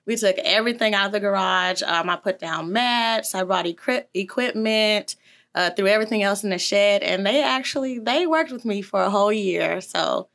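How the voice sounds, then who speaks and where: Chatty thirty-something woman, bright voice. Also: mid-range voice, normal speed. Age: 30s. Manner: chatty and upbeat, with many "um"s and "like"s. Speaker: gym owner and trainer, guest. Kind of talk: casual interview.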